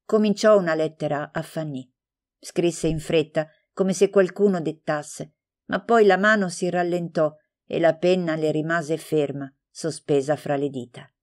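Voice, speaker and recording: A woman narrating a novel as an audiobook in a calm, measured, scripted reading. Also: deep voice.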